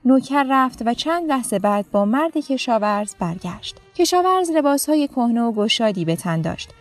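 A woman narrating a story in a calm, even reading voice. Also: fairly high pitch, faint music behind.

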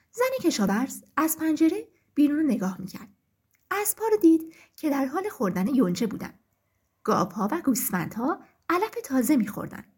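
A woman narrating a children's farm story in an expressive, sing-song reading style. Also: high-pitched.

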